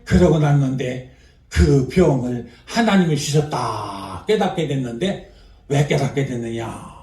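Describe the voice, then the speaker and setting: A woman's voice: extremely low pitch, lively intonation, measured pace, dark tone, soft background music. An older woman pastor preaching a revival sermon with emphatic fervor, calling out to her congregation and punctuating her points with hallelujahs. Her voice carries through an echoing church and reaches the microphone from some way off. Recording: roomy echo, voice picked up from a distance.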